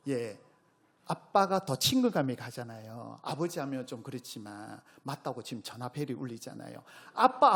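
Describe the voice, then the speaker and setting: A male pastor with a Gyeongsang accent preaching a sermon, questioning his congregation and rising to loud exclamations. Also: on the high side. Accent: Gyeongsang Korean. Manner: call-and-response preaching, asks the congregation questions.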